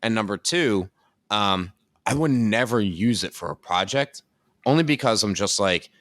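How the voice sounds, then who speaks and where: A man's voice: fairly low pitch, lively intonation, moderate pace, fairly bright tone, no room sound, studio quality. A man, a dancer and podcast co-host, chatting casually and thinking aloud with lots of fillers. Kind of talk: casual chat.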